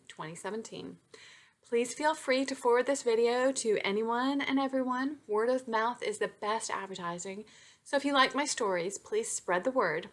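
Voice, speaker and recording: A woman's voice: fairly high pitch, a bit bright. A woman author, chatty and self-deprecating, reading from her own romance novel into a webcam. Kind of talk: chatty intro then novel reading aloud.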